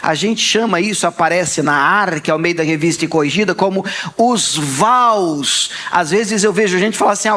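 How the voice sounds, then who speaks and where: A man's voice: high voice, fairly bright tone. A man with a Brazilian Portuguese accent, preaching a sermon in church, emphatic and repeating key words while asking the congregation for responses. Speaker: pastor. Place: church sanctuary.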